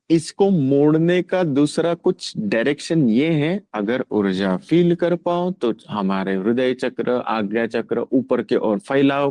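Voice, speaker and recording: A man talks as a spiritual teacher in a calm, unhurried way, pausing and restarting as he explains. His voice sits at an ordinary middle pitch. The recording is close and dry, with no room sound. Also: no room sound. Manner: calm, halting, mixes English words into speech. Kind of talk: informal spiritual talk.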